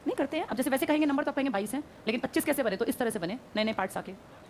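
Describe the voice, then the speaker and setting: Brisk woman teacher, quick-fire quizzing, high-pitched and fast. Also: animated, darkish tone, slight background noise. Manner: brisk, quizzing students and answering herself. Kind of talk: classroom lecture. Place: classroom.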